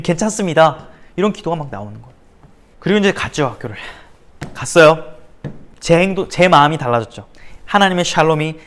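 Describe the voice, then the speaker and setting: A young man preaching to middle schoolers at a church service. He swings between loud, animated retellings of his school days and hushed, whispered passages. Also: a little high. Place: church, recorded for an online service.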